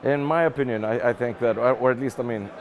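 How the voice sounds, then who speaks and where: With an event crowd bustling behind him, a middle-aged man from Iceland answers interview questions at a quick pace. He's a game publishing executive with a mid-range voice and fairly even intonation, casually thinking aloud and repeating words.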